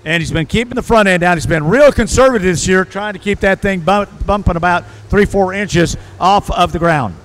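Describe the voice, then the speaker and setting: Male tractor pull announcer with a high-pitched voice, providing live commentary on the competition. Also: brisk, hardly any pauses.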